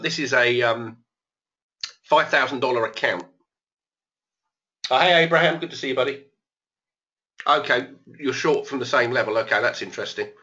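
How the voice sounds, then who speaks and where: Hosting an online trading room, a trading educator casually talks through live trades, thinking aloud while his voice is going a bit. His mid-range voice sounds pushed and bright, with the highs cut off.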